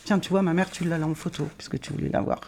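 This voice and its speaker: A woman's voice: fairly low pitch, steady tone, fast, a little mellow, slight background noise. A woman speaking hesitantly in a casual conversation, giving personal memories and directions.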